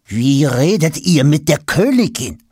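A man's voice: on the high side, sing-song, unhurried, darkish tone, slightly rough, no room sound, clean studio sound, voice pushed up, exaggerated voice. A man voicing a stern male servant who orders a boy around. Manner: stern, commanding.

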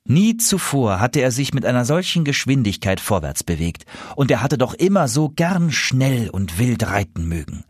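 A male storyteller reading a fairy tale aloud with expressive delivery. His pitch rises and falls a great deal. The recording is close and dry. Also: normal speed, few pauses, husky, no echo.

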